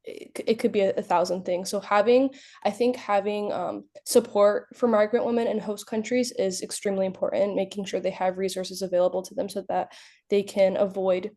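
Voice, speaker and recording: A young woman moderates a webinar over a video call. Her tone is mellow and warm. She talks in a relaxed, thoughtful way. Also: medium pitch, a little fast. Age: young adult.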